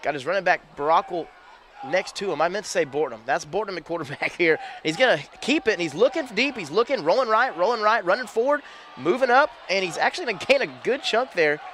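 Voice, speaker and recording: Excitable play-by-play man, high-pitched and fast, calling a school game from the booth. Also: a little hiss or hum. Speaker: play-by-play announcer. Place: press box above a stadium.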